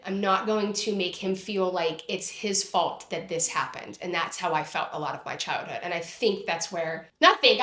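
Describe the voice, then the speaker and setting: A woman's voice: medium pitch, fairly bright tone. A woman in her thirties speaking candidly and from the heart as an interview guest, with frequent "like" fillers and the odd swear word. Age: 30s. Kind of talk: candid personal conversation. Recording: roomy echo.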